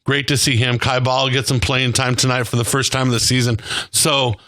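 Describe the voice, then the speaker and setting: A man's voice: mid-range voice, level tone, moderate pace, pushed and bright. A man hosting a local sports talk show, commenting on football and interviewing players.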